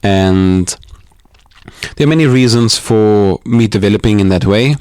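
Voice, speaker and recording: Soft-spoken low-voiced Austrian guest. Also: male voice, unhurried, clean tone, no room sound, clean studio sound. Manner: hesitant, reflective, with many ums and restarts. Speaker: podcast guest. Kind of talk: casual interview talk. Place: home living room.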